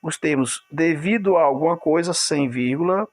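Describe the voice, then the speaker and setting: A man's voice: fairly high pitch, moderate pace. A man teaching a recorded video lesson, explaining step by step, repeating key words and addressing his students directly.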